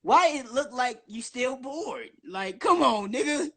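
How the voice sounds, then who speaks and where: A man's voice: extremely high pitch, animated, a little slow, fairly bright tone, husky. A man in his early twenties rambling nonstop on a casual livestream, slangy and full of swearing. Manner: profane, slangy. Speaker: guest on a social media live stream.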